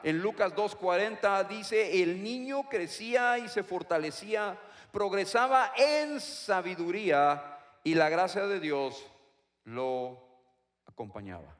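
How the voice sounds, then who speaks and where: High-voiced preacher in an echoing hall. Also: male voice, expressive, fairly bright tone. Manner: slow, emphatic repetition of key words. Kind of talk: sermon. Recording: long reverb of a large hall.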